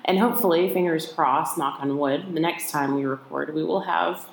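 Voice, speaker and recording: A woman's voice: low voice, moderate pace, creaky, roomy sound, a little hiss or hum. A woman from the United States, co-hosting a podcast in casual, joking chat. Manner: joking, chatty. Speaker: podcast co-host.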